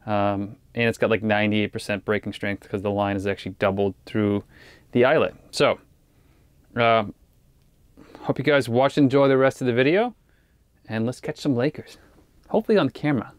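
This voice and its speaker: A man films a casual fishing vlog with an action camera trained on him in a small ice fishing shelter on a frozen lake, rambling easily to viewers. His voice is lowish and moderately paced, broken by frequent pauses. There's no echo.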